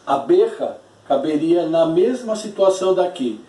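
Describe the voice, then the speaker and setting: A man gives a language lesson at an unhurried pace, repeating each key term so it sticks. His voice sits a bit high for a man. He sounds set back from the mic in an echoey room. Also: big pitch swings, mellow, recorded from a distance. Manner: slow, explanatory, repeats key terms. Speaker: Spanish teacher. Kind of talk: recorded classroom lesson.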